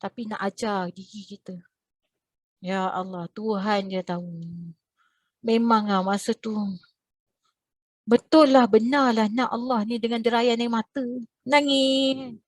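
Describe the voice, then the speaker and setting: A woman from Malaysia, a religious teacher, telling a story to her class over a video call in a lively, expressive way. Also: measured pace, long pauses, no echo. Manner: animated, expressive, swings in pitch and loudness.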